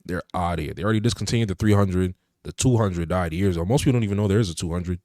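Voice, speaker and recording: Deep and warm, this young man's voice moves rapid-fire as he co-hosts a podcast and chats casually about cars. He's laid-back, sprinkling in lots of "you know" fillers, and the dry recording is of studio quality.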